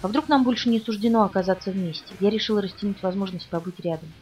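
A woman reading a novel aloud in the first person, with brisk, even storytelling. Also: mid-range voice, faint music behind. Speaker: audiobook reader.

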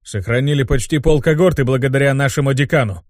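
A man voicing a boastful young male demon soldier in an audiobook, exclaiming loudly. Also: medium pitch, fast, no room sound, studio quality, close to an everyday voice. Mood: relieved.

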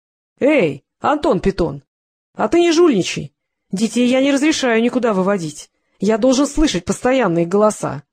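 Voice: medium pitch, sing-song, normal speed, darkish tone, breathy edge. An audiobook reader voicing a menacing man who taunts his captive, in a sneering, mocking manner. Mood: taunting.

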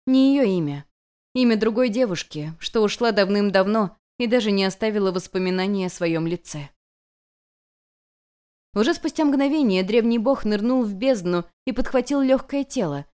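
Woman, audiobook narration, expressive flowing reading, smooth clear voice. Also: mid-range voice.

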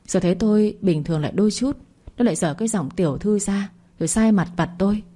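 A woman narrating a first-person bedtime story in a calm, even telling. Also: mid-range voice, fast talker.

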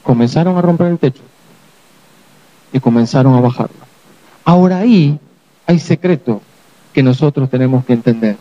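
A man's voice: mid-range voice, normal speed, long pauses, mellow. Man, pastor, Rioplatense Spanish accent, sermon, acts out quoted voices, dull lo-fi sound.

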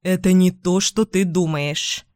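A woman's voice: lowish voice, steady tone, measured pace, a little mellow, dry recording, studio quality, close to an everyday voice. A woman voicing a stern, protective man in an audiobook, speaking firmly. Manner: firm, stern. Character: angry protective man, firm. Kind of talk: audiobook character voice.

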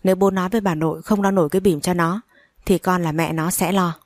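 A woman narrating a first-person family drama story in a steady reading voice. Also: fairly low pitch, quick pace, no echo, clean studio sound.

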